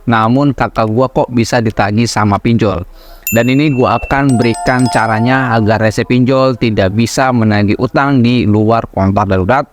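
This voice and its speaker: A man hosts an informal tutorial vlog, explaining in an instructive way and often rephrasing his points. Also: mid-range voice. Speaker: YouTube host giving debt advice.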